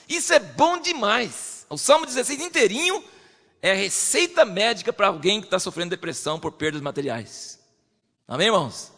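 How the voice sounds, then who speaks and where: A high, bright-voiced man preaching with lively energy, putting on voices for believers he quotes. His words ring out with a long church reverb that lingers after each phrase. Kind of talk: sermon.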